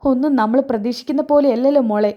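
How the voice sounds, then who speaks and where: A woman voicing a kind old grandmother who fusses and scolds in a high, lively voice. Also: fast talker, dull audio, lightly acted. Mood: fond, scolding.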